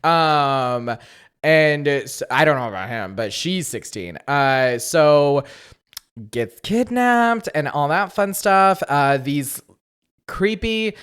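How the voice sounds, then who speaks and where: A man's voice: fairly high pitch, big pitch swings, takes it slowly, a bit bright, clean tone. A man co-hosting a podcast in casual chat, retelling a show animatedly with swearing and laughs. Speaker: podcast co-host.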